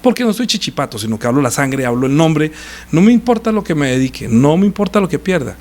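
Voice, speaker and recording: A man's voice: big pitch swings, quick pace, darkish tone. A man preaching a sermon, often asking the congregation questions. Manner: conversational preaching with sudden pitch leaps, questions to listeners. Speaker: pastor.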